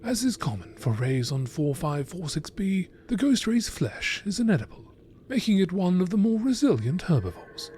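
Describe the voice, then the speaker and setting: Here the lore narrator's pitch sits high and his delivery is very animated, moving at a moderate pace with a mellow quality. He's reading scripted, documentary-style narration for a game, over distinctly noisy background ambience.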